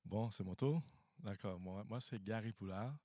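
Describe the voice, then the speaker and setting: A male bass singer of Haitian and Venezuelan origin, speaking softly with many fillers. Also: moderate pace, dry recording, clean studio sound.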